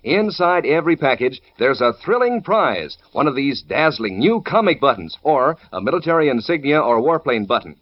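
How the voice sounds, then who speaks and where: A man's voice: medium pitch, sing-song, moderate pace, few pauses. An American man delivering a chatty, folksy 1940s radio advertisement as the sponsor's announcer. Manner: chatty, salesmanlike. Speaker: commercial announcer. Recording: dull old radio broadcast recording.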